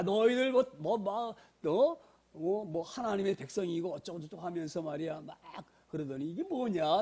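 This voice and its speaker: A middle-aged man preaching as a pastor, fervent, with frequent hallelujahs and swings between loud and soft delivery. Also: sits high. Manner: fervent preaching, repeated hallelujahs, rising and falling loudness. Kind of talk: sermon.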